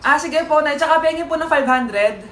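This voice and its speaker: A woman's voice: high voice, moderate pace, fairly bright tone. A woman playing a complaining teenage son in a comedy skit. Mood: polite. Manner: pleading, complaining. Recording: echoey room with background music.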